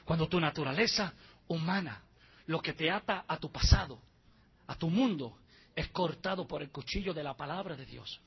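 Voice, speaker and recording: Male pastor, high breathy voice, dramatic sermon delivery, muffled church recording. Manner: dramatic preaching, swinging from hushed to shouted. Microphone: handheld mic.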